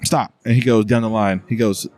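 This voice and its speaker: A man's voice: lowish voice, steady tone, a little fast, a little mellow. A man hosting a podcast, telling stories in a casual, profane way and laughing often. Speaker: podcast host. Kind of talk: casual chat.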